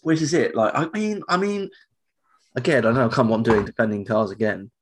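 A man's voice: medium pitch, brisk, breathy edge. A British man with a ropey, tonsillitis-affected voice, chatting casually as a podcast co-host. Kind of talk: casual chat.

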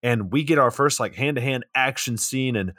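A man casually retelling a movie's plot on a podcast, his mid-range voice relaxed and a little deadpan. He drops curse words and dry side comments as he goes. The sound is close and dry. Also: medium pitch, moderate pace, no echo. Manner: laid-back recapping with profanity and dry asides. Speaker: podcast co-host. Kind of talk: casual movie recap chat.

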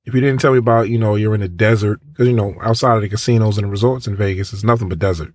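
A man hosting a podcast, talking casually in a measured, explanatory and mildly exasperated way. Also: lowish voice, steady tone, a little mellow, no room sound. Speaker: podcast host.

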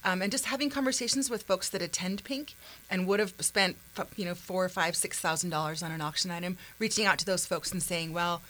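A woman with a fairly low voice explains the fundraiser in an earnest, grateful way, filling pauses with ums. A faint hum sits behind her. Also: a bit bright, low-quality recording. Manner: earnest, grateful, lots of fillers. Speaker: guest from a nonprofit. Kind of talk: casual chat.

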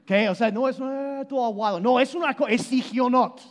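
A man preaching a sermon, animated and emphatic, often repeating and restarting his words as he explains. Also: moderate pace. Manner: animated, shifts between loud emphasis and low intensity. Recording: long hall reverb.

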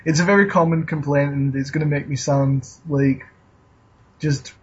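A man's voice: a little high, steady tone, moderate pace, darkish tone, slightly rough, muffled recording. A man co-hosting a podcast, chatting casually with dry, sarcastic quips and trailing off mid-sentence. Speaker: podcast co-host. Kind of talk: casual chat with dry jokes.

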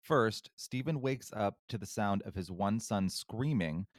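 Man, podcast co-host, storytelling, sarcastic, low-pitched, dry sound. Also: animated, unhurried, no echo. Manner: wry, sarcastic asides, swears. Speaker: podcast co-host telling a true ghost story. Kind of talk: casual storytelling chat.

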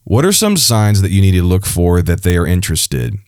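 A man's voice: sits low, big pitch swings, fairly quick, a little mellow, dry recording, clean studio sound. A man giving earnest dating advice from a church perspective in a casual, conversational way, with frequent fillers and restarts. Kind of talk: casual religious advice talk.

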